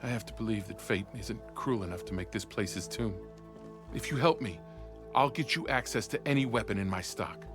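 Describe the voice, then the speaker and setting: In a video game cutscene, a man with a fairly low voice plays a formal, anxious weapons officer who is earnest and deferential. His delivery is brisk and lightly acted, earnest and sorrowful, with music playing behind the dialogue.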